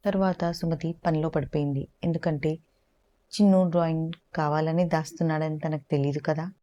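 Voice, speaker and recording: A woman telling a calm, gentle story for parents and ending with advice. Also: sits low, normal speed, dull audio.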